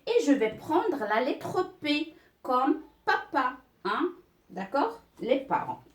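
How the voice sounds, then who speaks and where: A woman teacher leads a beginner reading lesson, patiently spelling out letters and syllables one at a time. She talks very slowly, with a lively, somewhat high voice. She sounds set back from the mic in a roomy, echoing space. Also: far from the mic.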